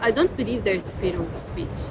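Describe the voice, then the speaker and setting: A young woman from Palestine, a student, answering a street interview in a hesitant, halting way with many fillers. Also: mid-range voice, lively intonation, vocal fry. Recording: noisy street with passing vehicles.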